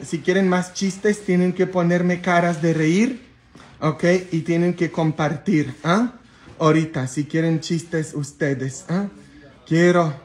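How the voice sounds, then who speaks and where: A man with a Mexican accent, a priest chatting casually and loudly with his viewers, joking and excitable. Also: fairly high pitch. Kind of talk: casual live video chat with viewers.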